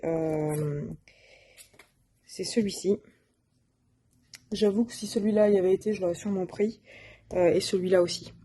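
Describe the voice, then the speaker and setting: A woman with a warm, medium-pitched voice shows off her haul of craft supplies. It's casual show-and-tell, delivered hesitantly with lots of fillers and self-corrections.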